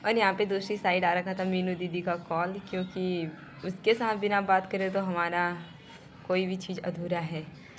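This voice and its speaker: Young woman, casual vlog narration, lowish pitch, chatty, clear background noise. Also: steady tone, moderate pace. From Uttarakhand, India. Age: 20s. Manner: chatty, laughing at herself, talks straight to viewers. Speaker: vlogger.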